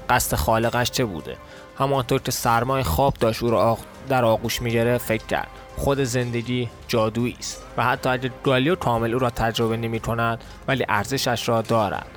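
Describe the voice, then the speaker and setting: A man, the host, reading a fantasy tale aloud in a steady, measured storytelling voice. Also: medium pitch, soft background music. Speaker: podcast host and narrator. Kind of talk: storytelling narration.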